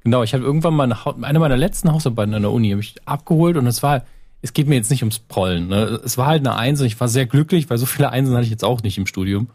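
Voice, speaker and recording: A young man in casual conversation, relaxed and reflective, with dry remarks. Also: mid-range voice, fast talker, dry recording. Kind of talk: casual chat.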